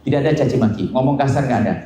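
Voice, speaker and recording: A man preaching a sermon with humor, sometimes mimicking people in high, nagging voices. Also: rapid-fire, warm tone. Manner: playful, jokes and mimics nagging wives and husbands in high voices. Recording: very echoey hall with faint ambience.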